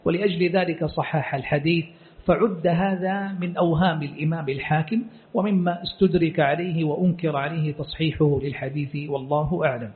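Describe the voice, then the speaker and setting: A man teaching as a scholar, explaining a religious text in a measured, explanatory way. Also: fairly high pitch, fairly even intonation. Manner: measured, explanatory, quotes sources then comments. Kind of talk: classroom lecture explaining a hadith text. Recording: tinny phone-like lecture recording.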